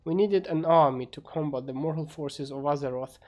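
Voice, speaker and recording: A man's voice: fairly high pitch, normal speed, warm tone, natural voice. A man voicing an imperious, scheming demon lord with grandiose, stern commands in an amateur fantasy game story. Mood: dismissive.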